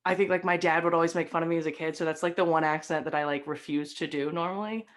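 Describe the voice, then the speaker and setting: Here a young Southern United States woman with a low voice and a light Southern American accent talks quickly in a steady tone. As a guest on a casual interview chat, the stream host and comic is a chatty storyteller who leans on lots of fillers, sitting in a decorated home room with framed posters.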